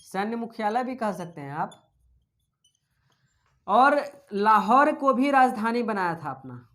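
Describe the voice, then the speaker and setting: A woman's voice: mid-range voice, sing-song, a little slow, a bit bright. A woman giving an exam-prep history lecture, dictating notes and asking and answering her own questions in a chatty way with English terms mixed in. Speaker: history teacher.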